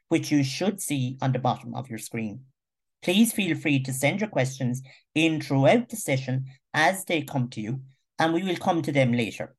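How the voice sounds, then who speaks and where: A woman's voice: very deep voice, darkish tone. A woman chairing an event, speaking formally as she makes announcements and introductions.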